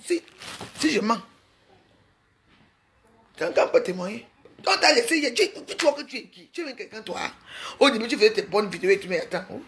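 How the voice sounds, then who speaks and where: A woman talking to her online followers in a mocking, scolding rant, full of quick restarts and jabs. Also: a little high, fairly bright tone, a little hiss or hum. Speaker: social media personality. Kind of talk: ranting live video.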